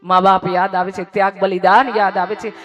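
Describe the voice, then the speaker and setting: A woman storyteller delivering a devotional katha, her voice dropping to near-hushed lines and then swelling loud for emphasis. Her pitch sits mid-range for a woman, and faint music plays behind her. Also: flat delivery, brisk, highs cut off. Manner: dramatic, swinging between hushed and loud.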